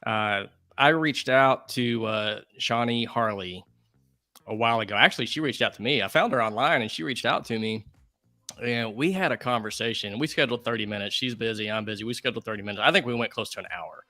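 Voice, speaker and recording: Man, podcast co-host, enthusiastic, very bright voice, dry close sound, boom-arm podcast mic. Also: fairly quick, no room sound, soft background music. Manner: enthusiastic, eager. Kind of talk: casual chat. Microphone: podcast mic on boom arm with windscreen.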